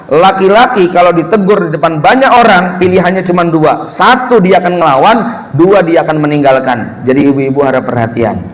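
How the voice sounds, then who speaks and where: A male preacher giving a lively sermon to a congregation, often raising his voice for emphasis. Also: fairly high pitch. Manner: lively, rising loud for emphasis, addressing the congregation. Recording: long hall reverb.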